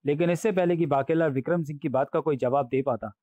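A man's voice: on the high side, fast talker, warm tone, dry recording, muffled recording. A man narrating a comic audiobook with theatrical flair, stacking up dramatic words. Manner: theatrical, piling up dramatic adjectives.

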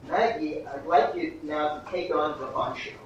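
A man coaching actors through a master class, halting and repeating words as he explains. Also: a little high. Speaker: acting teacher. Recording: distant echoey room, muffled, faint hiss.

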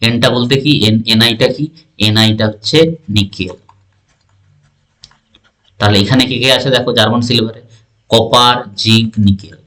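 A man's voice: on the low side, steady tone, moderate pace, long pauses, a bit bright. A male teacher giving an exam-prep science lesson, repeating terms and often asking the listener if they follow. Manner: keeps asking the listener questions to check understanding.

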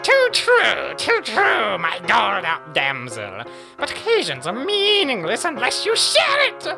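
Casting: a gleeful clown villain, very high, wildly swooping delivery, theatrical cackle, comic dub. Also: male voice, wildly swooping pitch, a little slow, gravelly, over music, exaggerated voice. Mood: gleeful, scheming. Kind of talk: comic dub character acting.

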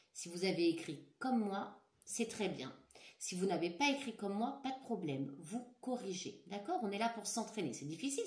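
A woman teacher leading a dictation for young children, patient, repeating and stretching each word. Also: on the low side. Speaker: schoolteacher. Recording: echoey room.

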